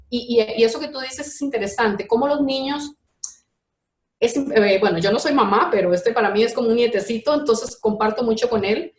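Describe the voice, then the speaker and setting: A woman in casual conversation who tells a story with lively animation and quotes a child as she goes. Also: fairly high pitch. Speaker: participant. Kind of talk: casual chat. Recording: echoey room.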